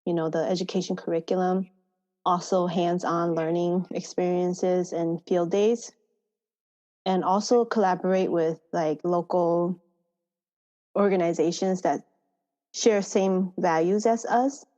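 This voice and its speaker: Her voice is fairly low and warm, with fairly even intonation and an unhurried delivery. An American-accented woman from Thailand and the United States, she talks informally as a podcast guest and farmer education manager in a chatty interview.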